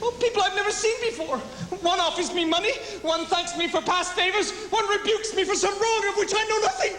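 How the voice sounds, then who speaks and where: Man as an exasperated master, very high-pitched. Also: fairly quick, a bit bright. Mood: exasperated, bewildered. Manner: agitated, declamatory. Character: exasperated, bewildered young master, lovesick traveler. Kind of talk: theatrical stage comedy acting. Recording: echoey hall, noisy stage recording.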